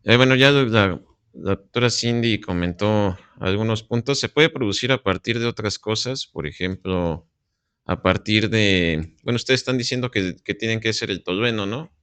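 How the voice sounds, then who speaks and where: A man's voice: on the low side, moderate pace, a bit bright, smooth, dry recording. A man professor gives feedback to students and keeps asking them questions to check that they follow. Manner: questioning, constantly asks "¿sí?". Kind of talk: classroom feedback.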